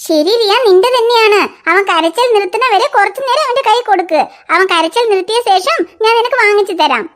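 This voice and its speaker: A woman's voice: extremely high pitch, animated, fairly quick. A woman voicing a busy young mother in a cartoon, firm and scolding toward her children. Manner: scolding, threatening tone. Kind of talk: cartoon voice acting.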